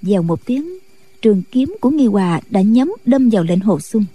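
A woman narrating a martial-arts novel in a steady storytelling voice. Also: medium pitch, normal speed, slight background noise. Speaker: audiobook narrator.

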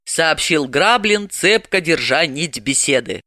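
Bright woman reading a novel. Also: sits low, lively intonation, takes it slowly, dry recording, clean studio sound. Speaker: audiobook reader. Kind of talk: scripted narration.

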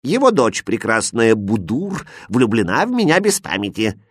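A man's voice: mid-range voice, wildly swooping pitch, moderate pace, a bit bright, breathy edge, dry recording, clean studio sound, heavily acted. A man voicing a pompous, foolish self-styled poet, who speaks in a self-important, drawling way in a storybook reading. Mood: boastful.

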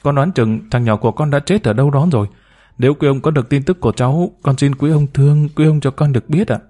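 A man's voice: medium pitch, fast, dark tone, lightly acted. A man voicing a timid, humble woman of forty. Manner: deferential, hesitant, pleading. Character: timid humble woman about forty, former bar girl.

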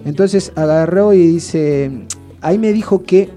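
A man with a Rioplatense Argentine accent telling a comic story on the radio in a rambling, deadpan way with frequent restarts. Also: high-pitched, measured pace, faint music behind. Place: radio studio.

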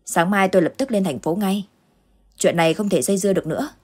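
A woman voicing a stern older village uncle who fights ghosts, gruff and commanding, in an audio ghost story. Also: medium pitch, fast, lightly acted.

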